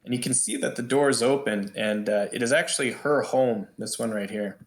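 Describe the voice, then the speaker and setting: A man narrating as game master, telling the scene slowly and voicing the townsfolk. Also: medium pitch, roomy sound. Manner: slow, storytelling narration with voiced townsfolk.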